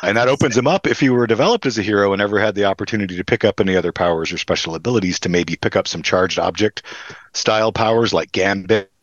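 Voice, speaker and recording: Male player, quick excitable chatter, lower voice, muffled lo-fi mic. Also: no room sound. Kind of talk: casual chat.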